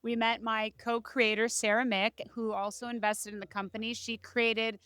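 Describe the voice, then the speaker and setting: A woman's voice: fairly high pitch, moderate pace, clear, resonant tone, no echo. A woman from Canada, a startup co-founder, talking with energy as a guest in a casual podcast interview. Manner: energetic, upbeat, laughs often.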